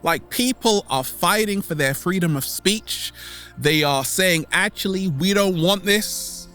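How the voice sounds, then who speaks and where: A man with a high, pushed, bright voice gives an exclamatory motivational speech to camera as an online host, leaning on catchphrases. He stretches his words and makes sudden swoops, all with music playing underneath.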